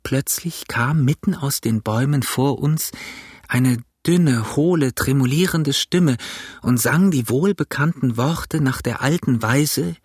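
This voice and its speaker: A man narrates an adventure novel in a steady, measured way. His voice has a husky edge. The recording is dry and close, with no room sound. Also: mid-range voice, no echo. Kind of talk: audiobook reading.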